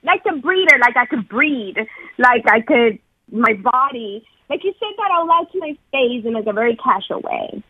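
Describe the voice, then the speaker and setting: A woman talking on speakerphone as a guest on a radio call-in show, blunt and incredulous, with quick laughs. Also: on the high side, expressive, breathy edge, no echo. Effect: on speakerphone over a phone line. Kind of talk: casual phone chat. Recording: tinny phone-line audio.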